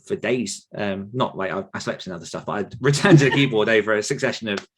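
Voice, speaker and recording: A husky, lowish voice belongs to a fast-talking British author in his thirties who is a podcast guest. He chats casually and reflectively, drifting from point to point in his stories.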